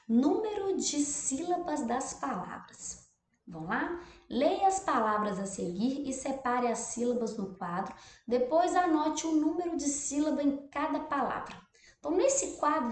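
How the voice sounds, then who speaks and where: Lively Brazilian teacher in an echoey room. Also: female voice, sits high, slight background noise. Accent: Brazilian Portuguese. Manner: lively, drawn-out stressed syllables, frequent "tá bom?" checks. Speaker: primary school teacher. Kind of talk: explaining a textbook exercise to children.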